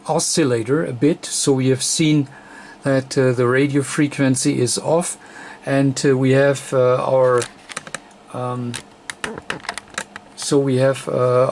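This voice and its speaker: A radio repair technician presents a tutorial, walking through a bench demonstration off the cuff. He speaks slowly and hesitantly in short phrases at a medium, slightly mellow pitch, with light background noise behind him.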